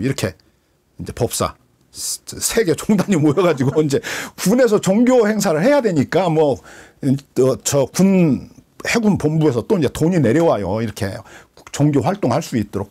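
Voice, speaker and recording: Man, pastor, sermon, high voice, husky, rhetorical questions. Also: big pitch swings, normal speed, mellow. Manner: asks and answers his own rhetorical questions. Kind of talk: Bible teaching sermon.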